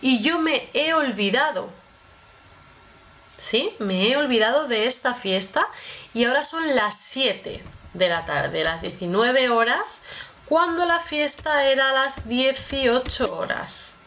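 A woman teaching a lesson on expressions, slow and patient, often checking in with her students. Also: sits high, animated, sharp tone. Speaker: Spanish teacher. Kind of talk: explaining expressions with examples. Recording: dull lo-fi audio.

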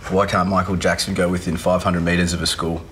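A man's voice: low voice, flat delivery, quick pace, slight background noise. A man in his thirties telling dad jokes, each a set-up question followed by a punchline. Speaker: joke teller in a dad-joke challenge.

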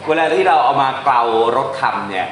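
A male translation teacher giving an informal classroom lesson, talking through examples step by step and reading English lines slowly. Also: medium pitch, sing-song, a bit bright, roomy sound, slight background noise.

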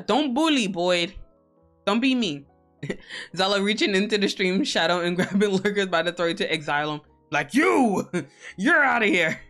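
Unhurried, playful woman livestreamer over music. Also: on the low side, a bit bright. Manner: playful, mock-scolding, giggly, casually sweary. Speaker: VTuber livestream host. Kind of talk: casual livestream chat, reacting to viewers.

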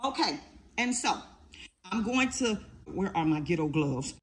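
A woman's voice: lowish voice, sing-song, measured pace, slight background noise. A middle-aged woman hosting a casual cooking demonstration in her home kitchen, chatty and emphatic, often checking in with her viewers.

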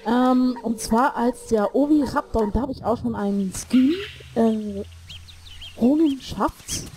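She speaks a little high at a measured pace, with a bit of hiss or hum on the track. Feeling somewhat sick and out of breath, the gameplay streamer rambles through a casual online game session, fixing her own words and joking, using a desk microphone in a new recording room with loud music playing.

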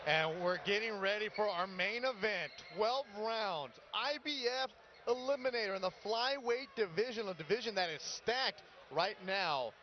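Highish male boxing commentator, noisy arena. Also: moderate pace. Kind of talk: live sports broadcast commentary. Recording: dull broadcast audio, arena noise behind.

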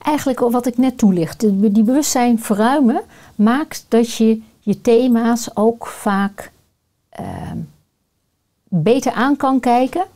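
Mellow-voiced woman coach, thoughtful and searching. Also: on the high side, slow. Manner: thoughtful, searching for words with many fillers. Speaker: guest, coach and family constellation facilitator. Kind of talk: reflective podcast conversation.

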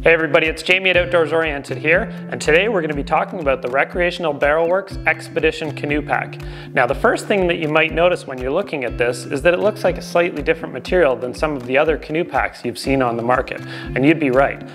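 A man in his forties standing indoors at a table, giving a relaxed product review to the camera with frequent ums and uhs. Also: fairly high pitch, fast talker, over music. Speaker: gear reviewer.

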